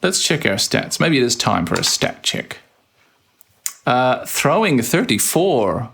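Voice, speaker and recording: Guy playing an old pc game, gravelly voice, takes his time, talks his commands out loud. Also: medium pitch, big pitch swings, slow. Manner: playful, mutters typed commands aloud. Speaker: let's play host. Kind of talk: casual gameplay commentary.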